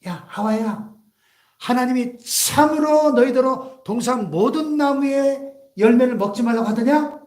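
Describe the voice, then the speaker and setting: A man's voice: extremely high pitch, a little slow, a little mellow, pitched above the performer's own voice. A man voicing a sly male devil who taunts and accuses with scornful questions, in an echoey church hall.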